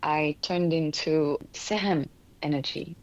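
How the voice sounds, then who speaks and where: Low-voiced woman telling her healing path. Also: fairly even intonation, slow pace, lo-fi sound. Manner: earnest, explains with frequent restarts and small laughs. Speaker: energy healer guest. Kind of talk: casual interview conversation.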